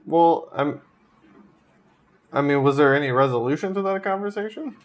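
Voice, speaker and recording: A man co-hosting a podcast in casual chat, talking hesitantly and asking questions with halting restarts. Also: fairly high pitch, animated. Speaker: podcast co-host.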